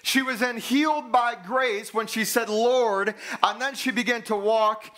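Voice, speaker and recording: A pastor in his thirties delivers an earnest sermon from a church stage, restating his main points with emphasis. His voice sits high and rings bright and forceful. He paces and gestures as he speaks. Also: a little slow. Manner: earnest, emphatic, repeats key lines for stress; gestures broadly while walking the stage.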